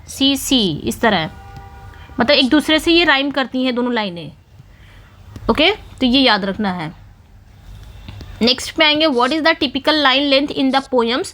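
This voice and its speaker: A woman teaching English literature for an exam, explaining in Hindi and reading the English questions out slowly. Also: high-pitched, fairly bright tone. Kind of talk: exam-prep lecture.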